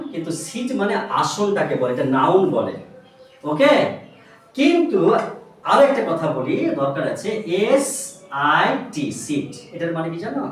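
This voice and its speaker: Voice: mid-range voice, a little hiss or hum. A tuition teacher giving a classroom grammar lesson, patiently spelling words letter by letter and quizzing the pupils. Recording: echoey room, mic far off.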